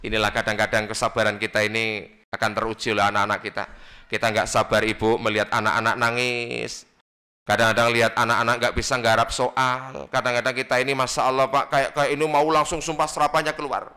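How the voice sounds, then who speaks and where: Bright-voiced male preacher. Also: fast talker. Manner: lively, acts out little dialogues with big pitch swings. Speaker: Islamic preacher. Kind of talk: sermon. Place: radio studio or mosque gathering.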